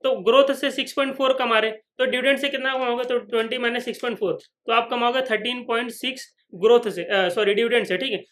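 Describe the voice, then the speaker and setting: Fast bright-voiced male finance teacher. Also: very high-pitched, steady tone. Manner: repeats points, asks students if they follow; voices imagined students' questions. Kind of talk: whiteboard lecture.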